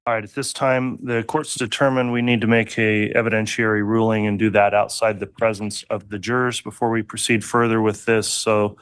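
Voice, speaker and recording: A man's voice: on the low side, little pitch movement, fairly quick, hardly any pauses, fairly bright tone, clean tone, no room sound. A man presiding as judge, speaking formally and steadily on a courtroom recording. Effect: courtroom audio feed. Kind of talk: courtroom proceedings.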